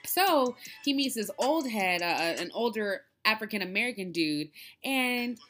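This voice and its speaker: A woman's voice: on the high side, normal speed, soft background music. A woman co-hosting a casual podcast, chatting loosely and laughing as she recaps and reviews a movie. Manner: animated, laughing, loose storytelling. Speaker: podcast co-host.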